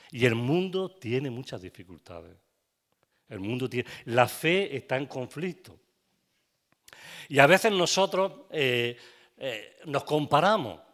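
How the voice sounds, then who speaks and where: A man's voice: mid-range voice, a bit bright. A man with a Spanish accent preaching a sermon as pastor in a church, asking his congregation questions and adding frequent amens. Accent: Spain.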